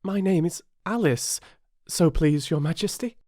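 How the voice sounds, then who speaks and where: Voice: mid-range voice, a little slow, warm tone, no echo, clean studio sound, voice pushed up, lightly acted. A storyteller voicing a young girl who is polite but plucky and decided.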